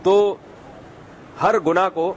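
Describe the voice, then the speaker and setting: A man giving a sermon in a calm, conversational, explanatory way, with asides to his listeners. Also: sits high. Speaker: religious scholar. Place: mosque or hall with loudspeaker system. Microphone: loudspeaker microphone. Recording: echoey hall, faint background noise.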